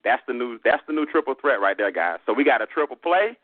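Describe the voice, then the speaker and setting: A man from the American South pitching a business opportunity with sales-style enthusiasm over a call. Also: big pitch swings, fast talker, no room sound. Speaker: guest trainer. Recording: tinny phone line.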